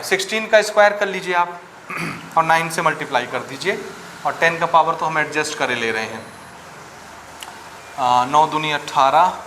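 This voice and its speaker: A man teaches physics to a class in a slightly high voice, working numbers out aloud and asking students for answers. The room is echoey, with faint noise behind him. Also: bright, forceful tone. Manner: asks students questions, works sums aloud. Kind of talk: classroom lecture.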